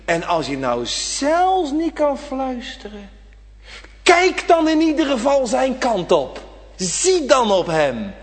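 Man preaching, lively pitch swings, long church reverb, hushed then shouting. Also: slow pace. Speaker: pastor. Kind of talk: sermon.

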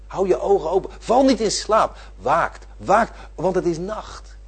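A man preaching a sermon, repeating his phrases and swinging from loud declarations to quiet asides. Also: high-pitched, moderate pace, husky. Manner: emphatic, repeating phrases with swelling and dropping volume.

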